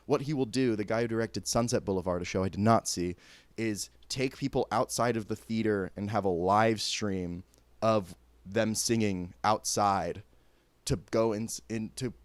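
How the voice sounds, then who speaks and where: A man's voice: on the low side, moderate pace, no echo. A man chatting casually and candidly as a vlogger, joking, laughing mid-sentence and stumbling over restarts. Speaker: vlogger reviewing theater shows. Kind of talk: casual opinionated chat.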